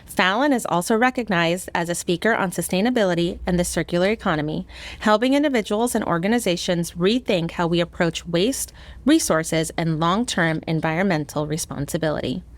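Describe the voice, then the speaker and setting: Host: woman, lowish voice, upbeat and encouraging, dry studio mic. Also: a little fast, no room sound. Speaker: podcast host. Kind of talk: scripted intro then casual interview.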